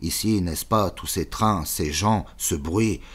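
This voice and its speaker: A man's voice: deep voice, slow, a bit bright, slightly rough, full character voice. A man voicing a cordial, self-important general who speaks with a rolling, sing-song foreign lilt and stiff formal courtesy. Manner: formal, ceremonious.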